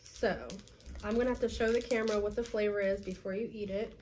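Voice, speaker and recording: A woman's voice: medium pitch, steady tone, fast, darkish tone, a little hiss or hum. A young adult woman hosting a casual challenge video, upbeat and chatty, with frequent fillers. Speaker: YouTube host.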